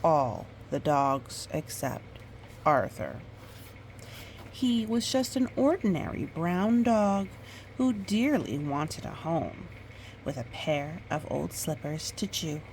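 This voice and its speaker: In a low voice, a woman reads a picture book aloud storytime-style, stretching her phrases out dramatically and adding chatty asides. There is slight background noise.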